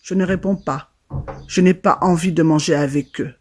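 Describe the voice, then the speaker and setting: A young woman narrating a first-person horror storytime, with a dramatic and lively delivery. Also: fairly low pitch, moderate pace, breathy edge. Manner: dramatic, lively retelling with quoted voices.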